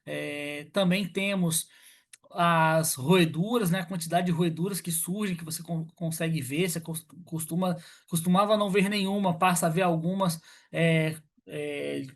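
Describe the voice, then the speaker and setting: Man, slightly high voice, hesitant online lecturer, lots of fillers. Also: steady tone, moderate pace. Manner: hesitant, many fillers and restarts. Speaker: guest lecturer on pest control.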